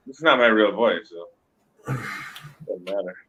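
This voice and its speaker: A man's voice: on the low side, moderate pace, noisy background. A man chatting casually on a podcast through a voice changer, rambling with lots of fillers. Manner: loose, rambling with many fillers. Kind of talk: casual chat. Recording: dull lo-fi sound.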